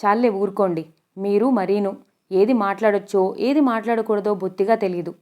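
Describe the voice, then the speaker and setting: A woman's voice: mid-range voice, moderate pace, muffled recording, close to an everyday voice. A woman voicing a composed middle-aged aunt who firmly defends her niece in a storybook reading. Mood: reproachful. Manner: firm, reasoning, gently reproachful.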